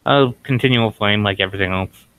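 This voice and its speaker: A man's voice: on the low side, brisk, a bit bright, clean tone, no echo, rough recording. A man narrating as game master, hesitant and full of fillers.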